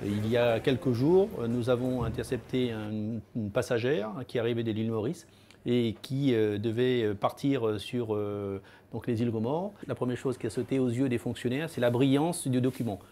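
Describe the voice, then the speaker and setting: Man, police officer interview, formal, hesitant phrasing, mid pitch, mellow tone. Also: moderate pace, a little hiss or hum.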